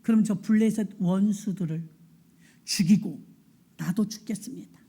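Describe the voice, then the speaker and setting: A woman's voice: moderate pace, husky. A woman doing Samson, a blind strongman in prayer. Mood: pleading prayer. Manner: low, hushed and pleading, sometimes whispered. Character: blind captive strongman Samson, grim, praying.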